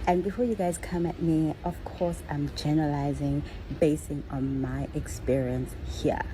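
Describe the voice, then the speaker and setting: A woman from Africa, telling a story in a casual, animated vlog. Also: low voice, normal speed. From South Africa. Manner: animated, acts out quotes, conversational. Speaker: vlogger. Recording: noisy background.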